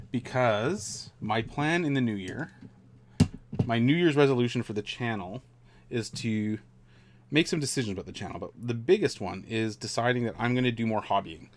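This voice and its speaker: A man casually chatting on a live stream while building a model kit, rambling and relaxed with many fillers and restarts. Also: mid-range voice, slight background noise.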